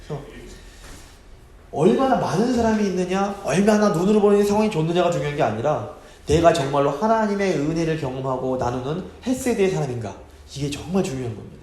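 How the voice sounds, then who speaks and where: A man with a fairly high voice preaches a midweek Bible study in a church sanctuary. He talks expressively and keeps putting rhetorical questions to the listeners. His voice rings out with a heavy echo off the walls of the hall. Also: lively intonation, quick pace, a little mellow, a little hiss or hum. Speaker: pastor.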